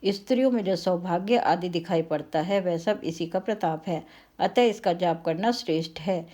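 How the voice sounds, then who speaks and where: A woman's voice: lowish voice, dark tone. Solemn woman reading devotional verses. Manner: slow solemn invocatory recitation with repeated refrains; occasional slips and self-corrections. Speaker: devotional reciter.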